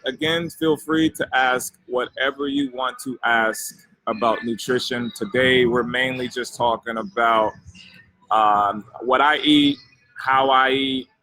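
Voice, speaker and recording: A man's voice: medium pitch, bright, forceful tone, low-quality recording. A man working as a fitness coach, talking casually to live-stream viewers from inside a gym, instructive and repeating key points for emphasis. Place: gym, indoors.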